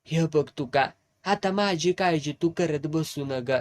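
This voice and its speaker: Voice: mid-range voice, slow, close to an everyday voice. A narrator voicing a fearless young village woman with a rural Satara accent who speaks firmly and defiantly. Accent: rural Satara Marathi. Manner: firm, defiant.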